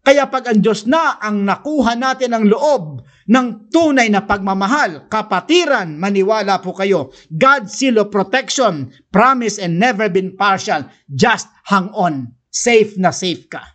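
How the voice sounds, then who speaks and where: High-voiced Filipino preacher. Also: male voice, expressive, fairly bright tone. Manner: switches between Tagalog and English, slows down to read verses. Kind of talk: sermon.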